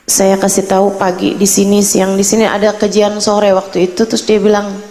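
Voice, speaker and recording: A woman's voice: mid-range voice, monotone, fairly quick, warm tone, big-room sound, slight background noise. A woman preacher telling a story in a sermon and quoting the people in it with feeling. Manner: emotional retelling, quoting others' words. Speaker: Islamic preacher.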